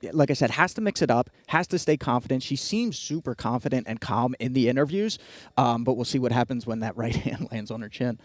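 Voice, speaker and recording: A man's voice: mid-range voice, brisk, no room sound. A man giving casual, informal sports commentary, repeating phrases for emphasis. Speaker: colour commentator.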